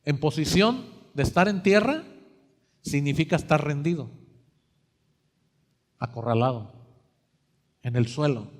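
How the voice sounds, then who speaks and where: A high-voiced male preacher delivers a dramatic sermon, hurling rhetorical questions at the congregation and shifting between hushed and loud. He speaks a little slowly with long pauses, and the long reverb of a church sanctuary rings around his voice.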